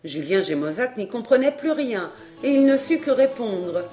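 Woman narrating a novel, measured. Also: fairly high pitch, sing-song, warm tone, faint music behind. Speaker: audiobook narrator.

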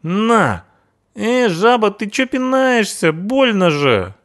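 A man doing a whiny high punk slacker. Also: big pitch swings, takes it slowly, fairly bright tone, full character voice. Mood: cheeky whiny. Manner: slangy, whiny drawl. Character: young male punk slacker, slangy and cheeky.

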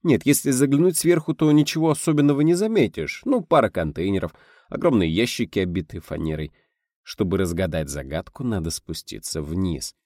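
A man with a low voice narrates an audiobook, his pitch rising and falling with lively storytelling. The recording is close and dry, with no room sound. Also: fairly quick, no echo. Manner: animated storytelling, voicing characters.

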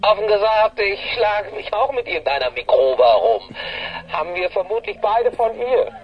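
Sly taunting stranger, high animated voice, mock-friendly, radio drama, muffled with faint noise. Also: male voice, moderate pace. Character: mocking, sly, mysterious male caller taunting a rival.

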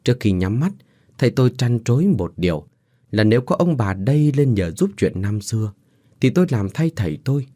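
A man's voice: mid-range voice, big pitch swings, a little fast, warm tone. A man voicing the earnest, respectful young son of an old sorcerer.

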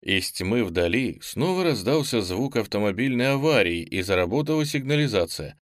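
A man narrating an audiobook in an even, measured way. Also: fairly low pitch, dry recording, studio quality.

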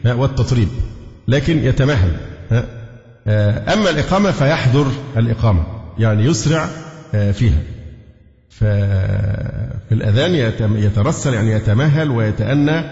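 A man's voice: mid-range voice, lively intonation, a little fast, gravelly, a little mellow. A man with an Egyptian accent teaching a religious lesson. He explains step by step, asks the class questions and demonstrates recitations. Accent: Egyptian Arabic. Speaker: Islamic scholar teaching. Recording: echoey lo-fi hall recording.

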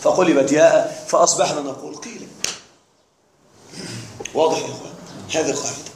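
High-voiced man teaching a lecture. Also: fairly quick, a little mellow. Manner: quizzes students with repeated questions. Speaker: Arabic grammar teacher. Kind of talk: classroom lecture. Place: classroom. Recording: echoey classroom with faint noise.

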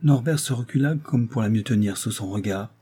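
A man narrating a classic novel as an audiobook, reading in a measured, dramatic way. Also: mid-range voice, dark tone, breathy edge. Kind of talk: scripted narration.

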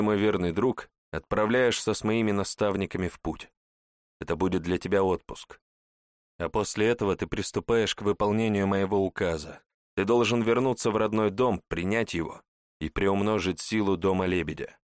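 A man's voice: fairly low pitch, moderate pace, clean tone, dry recording, studio quality, lightly acted. A man voicing a commanding, hot-tempered warlord in an audiobook. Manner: commanding, shouting when angered. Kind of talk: audiobook character voice.

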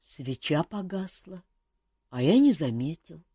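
A woman's voice: fairly low pitch, huge pitch swings, unhurried, a little mellow, dry recording, pitched above the performer's own voice, exaggerated voice. A woman voicing a tired, joking male court jester who mocks himself and others in a dry room. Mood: wry, weary. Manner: wry, self-mocking banter.

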